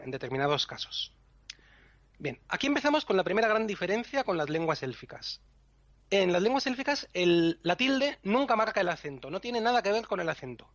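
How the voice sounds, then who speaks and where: A language-section guest on a podcast patiently walks his co-host through language rules like a teacher, chuckling often. His voice sits high and is expressive and fairly bright, at a moderate pace. The recording is dull and lo-fi with faint music but no room sound.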